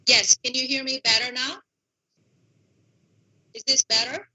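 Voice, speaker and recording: A woman's voice: high voice, a little slow, sharp tone, no room sound, rough recording. A woman objector on a video call, earnest and hesitant, her audio breaking up and fading in and out. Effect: choppy online call audio, breaking up and fading in and out. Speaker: objector speaking for a residents' association. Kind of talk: formal statement at a council meeting.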